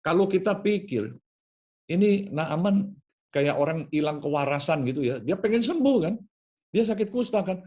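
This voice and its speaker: Pastor man telling a story animatedly. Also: dark tone. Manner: casual storytelling, swings pitch widely. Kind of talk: sermon.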